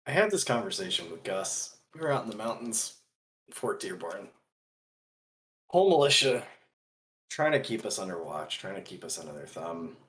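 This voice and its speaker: A man playing a principled, earnest gunslinger in a tabletop role-play, speaking deliberately in halting phrases. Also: deep voice, big pitch swings, fairly bright tone. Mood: earnest, resolute.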